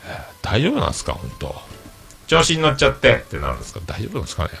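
A man's voice: mid-range voice, wildly swooping pitch, racing, creaky, fairly bright tone, husky, soft background music. A man with a hosting a podcast, telling a story in a loose, rambling way full of fillers. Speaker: podcast host. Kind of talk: casual solo radio talk.

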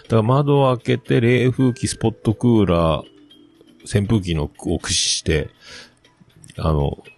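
A man's voice: fairly low pitch, takes it slowly, a little mellow. A man in his forties, a podcast host rambling through a funny travel anecdote with lots of fillers. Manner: rambling, self-amused anecdote with many fillers. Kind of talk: casual storytelling monologue.

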